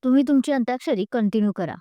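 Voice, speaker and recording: A woman voicing a caring younger sister who talks gently and soothingly, in a spoken storybook. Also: on the high side, quick pace, no echo, clean studio sound, close to an everyday voice.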